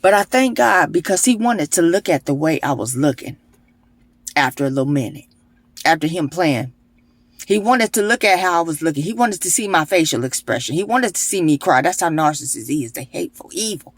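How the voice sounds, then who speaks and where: A woman's voice: on the low side, sing-song, normal speed, no echo. A young adult woman telling a personal testimony in an emphatic, repetitive way that turns into urgent prayer. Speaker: vlogger sharing a personal testimony. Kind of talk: emotional spoken testimony with prayer.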